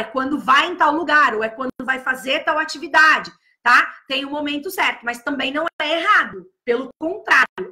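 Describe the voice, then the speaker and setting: A woman talks loudly in a high, bright voice, giving casual advice to fellow teachers. She stresses her points by repeating key words over and over. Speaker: early-childhood educator.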